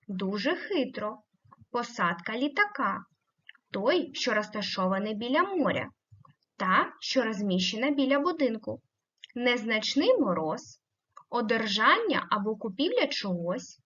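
A woman teacher giving a primary school grammar lesson, slowly questioning the children and confirming their answers. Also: on the high side, fairly bright tone, highs cut off. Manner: slow, deliberate, questioning children and affirming answers.

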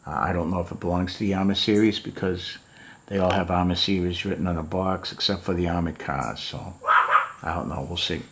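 Surrounded by boxes of model kits at home, a middle-aged man holds up old books for the camera in a relaxed show-and-tell vlog, thinking aloud and filling gaps with lots of ums. His deep voice is steady and fairly quick, and the recording is very noisy.

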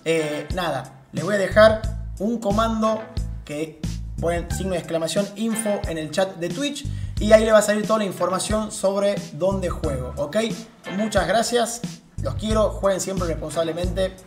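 A man with an Argentine accent streaming slots, talking loudly to his chat with sudden shouted outbursts and lots of slang. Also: sits high, moderate pace, echoey room, over music. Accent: Argentine Spanish. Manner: excitable, loud outbursts and shouting, heavy slang and swearing. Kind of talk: live gambling stream chat.

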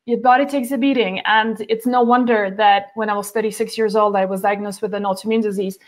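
Speaking briskly in a steady, mid-range voice, this woman in her forties is a guest on a video call interview. A nutrition author, she talks in a chatty, casual way full of fillers and false starts, from her home beside a window with plants in the background.

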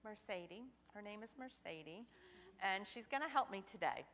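Lively woman with a children's sermon. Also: mid-range voice, normal speed. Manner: animated, questioning children playfully. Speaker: children's message leader. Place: church sanctuary. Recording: church hall reverb.

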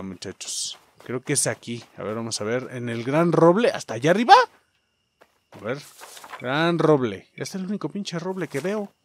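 A young Mexican-accented man narrating his gameplay with a lively voice that swings up and down, sitting a little high. He jokes, swears casually and keeps calling out to his viewers. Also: a little hiss or hum. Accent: Mexican Spanish. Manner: excitable, jokey, swears freely, talks to viewers as muchachos. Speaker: gaming streamer. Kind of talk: casual let's-play commentary.

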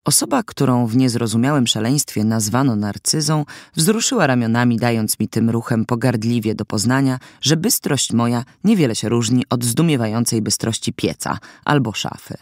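Male audiobook narrator, wry mock-solemn telling, mid pitch, very dry studio mic. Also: moderate pace, few pauses, darkish tone, dry recording. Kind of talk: scripted first-person narration. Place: recording studio.

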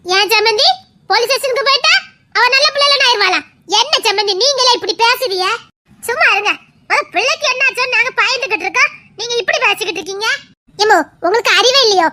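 A woman's voice: very high voice, quick pace, sharp tone, slight background noise. A woman voicing a fretful, outspoken village mother-in-law, in a family drama.

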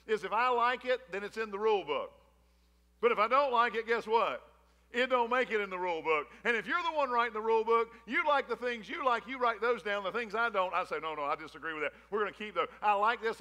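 A man's voice: high-pitched, sharp tone. A man in his thirties, a pastor, reading scripture and then preaching a sermon on a church stage with rising energy. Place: large church stage with wood-slat wall. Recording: church hall reverb.

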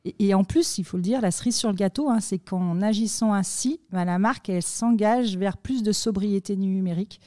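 A woman explaining content marketing on a podcast in a measured way, with many fillers. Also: mid-range voice, mellow, no room sound, clean studio sound.

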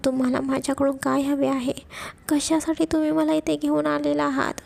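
A woman's voice: high-pitched, completely flat delivery, moderate pace, gravelly, darkish tone. A woman voicing a frightened young woman held captive, tearful and begging to be let go, in an audio story. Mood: pleading. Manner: pleading, begging.

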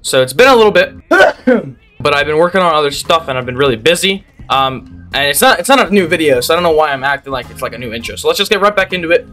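A man's voice: on the high side, expressive, rapid-fire, soft background music. Exasperated young man ranting over gameplay. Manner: exasperated, ranting, bursts into loud disbelief. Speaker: gaming channel host. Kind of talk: gameplay commentary.

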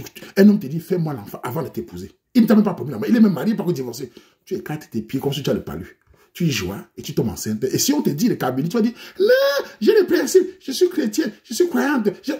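A man's voice: medium pitch, dark tone. A Cameroonian man telling a comic story in a theatrical, mocking way, full of slang, with a Cameroonian French accent. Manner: théâtral, moqueur, plein d'argot. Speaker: comedic storyteller.

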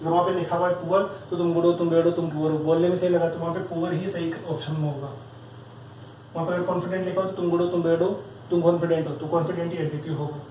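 A man's voice: fairly high pitch, flat delivery, quick pace, dark tone, slight background noise. A man teaching a grammar lesson for exam preparation, drilling students with repeated questions and answers. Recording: very echoey room, far from mic.

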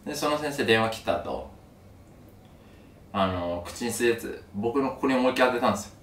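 A young man chatting casually to camera in an animated storytelling way, his mouth sore after having wisdom teeth pulled. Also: mid-range voice, fairly quick. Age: young adult. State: mouth sore two days after wisdom tooth removal. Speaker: video creator. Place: small room at home, indoors. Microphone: camera a few steps away. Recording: roomy, distant mic, some noise.

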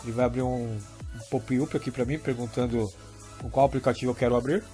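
Quick-talking Brazilian man explaining steps. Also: mid-range voice, fairly even intonation, over loud music. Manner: explains step by step, often checking in with "tá?" and "né?". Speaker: app tutorial presenter. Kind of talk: casual spoken app demonstration.

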